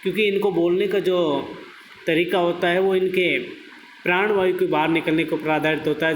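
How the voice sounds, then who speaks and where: A man teaching young pupils in an online class, reciting syllables one by one and explaining them patiently. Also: fairly high pitch. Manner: slow, careful syllable-by-syllable recitation. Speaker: schoolteacher. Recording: echoey room with faint background noise.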